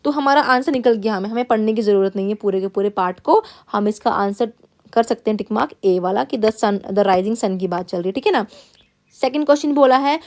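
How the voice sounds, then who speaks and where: A woman with a fairly high voice teaches an exam-preparation class. She reads English passages out slowly and carefully, then explains them, checking in with her students again and again. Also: darkish tone. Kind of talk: classroom-style exam lesson.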